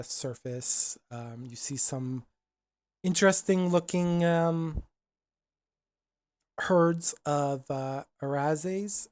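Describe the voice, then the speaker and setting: A man working as game master, improvising tabletop narration casually and haltingly as he searches for descriptive words. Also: mid-range voice, darkish tone, dry recording.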